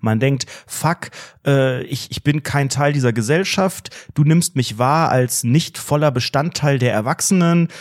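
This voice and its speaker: 20s dude cohosting a podcast, wry ironic banter, regular mid voice. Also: male voice, mid-range voice, measured pace, few pauses. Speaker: podcast host. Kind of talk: casual chat.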